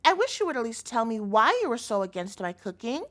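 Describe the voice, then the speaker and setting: In scripted, intimate audio roleplay addressed to the listener, a voice actress plays a sweet but menacing yandere chef girlfriend. She's high-voiced, sing-song, fairly quick and fairly bright. Her sugary, coaxing manner gradually turns threatening.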